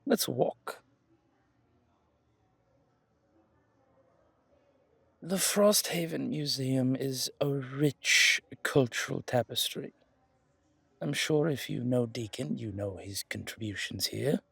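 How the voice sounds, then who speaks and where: With a mid-range voice that's husky and creaky, a man acts out a flattering, flirtatious museum curator for a roleplay audio drama, recorded with no echo. The exaggerated performance is genteel and gushing, broken by hesitant pauses and repeated words, and it carries a proud, effusive mood.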